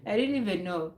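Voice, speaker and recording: A woman's voice: medium pitch, a little mellow, roomy sound, slight background noise, low-quality recording. A woman from Uganda, chatting casually on her live stream, rambling and repeating herself. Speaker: livestream host. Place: noisy home with kids nearby.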